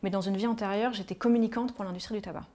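This woman, in her 30s and from Paris, is a tobacco cessation specialist recounting her life candidly for a personal storytelling podcast, peppered with fillers. Her medium-pitched voice is steady and darkish, and she talks very fast.

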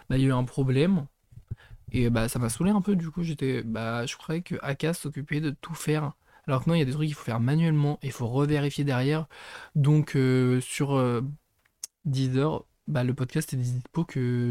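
A man's voice: fairly high pitch, mellow, no room sound, studio quality. A young man hosting a casual book podcast, chatting and reading passages aloud, self-deprecating and often tripping over words and correcting himself.

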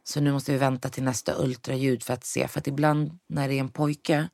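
A woman's voice: very deep voice, flat delivery, gravelly, darkish tone, no room sound, clean studio sound. A young woman telling a personal story in conversation, often acting out what people said and dropping in English words. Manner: retells events with quoted dialogue, mixes in English words. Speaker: guest.

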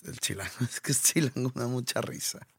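Gravelly northern Mexican man, laid-back. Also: mid-range voice, fairly quick, no room sound, studio quality. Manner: laid-back, playful, mimics accents. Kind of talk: casual chat.

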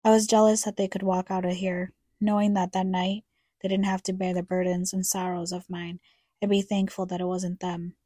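A woman's voice: on the low side, flat delivery, moderate pace, dark tone, no room sound, studio quality. A young woman reading a scripted, somber personal narration, speaking reflectively to her late mother. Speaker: podcast co-host narrator.

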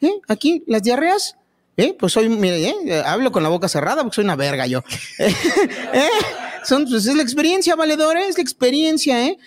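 Man putting on a cocky Mexican taco cook, crude and swaggering, nagging "eh?", pitched well above his usual voice. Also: big pitch swings, moderate pace. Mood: defiant. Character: boastful crude male taco cook, touchy and defiant. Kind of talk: comedy sketch re-creation.

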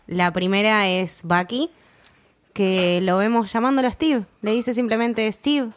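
Argentine woman podcast co-host; heartfelt, animated scene recap. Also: medium pitch, a little slow, a little hiss or hum. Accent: Argentine Spanish. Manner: emotional retelling, acts out quoted lines. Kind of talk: casual chat.

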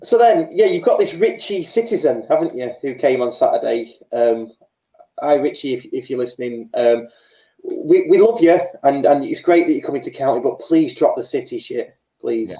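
Mellow, echoey English podcast host, a man. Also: medium pitch, moderate pace. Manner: matey, informal. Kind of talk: casual football fan podcast chat. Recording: roomy, echoey voice.

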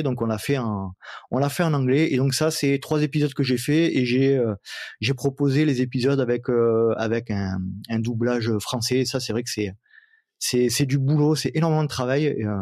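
A man's voice: medium pitch, darkish tone, no echo, studio quality. A man hosting a trail running podcast, chatting casually with many fillers and restarts.

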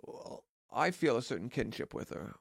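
Male podcast co-host, gravelly and deadpan, dry recording. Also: mid-range voice, moderate pace, no echo. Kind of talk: casual comedic chat.

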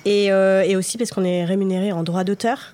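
A woman being interviewed as a subtitle translator. She answers hesitantly, uses many fillers, and lets her sentences trail off softly. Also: medium pitch, steady tone, fairly quick.

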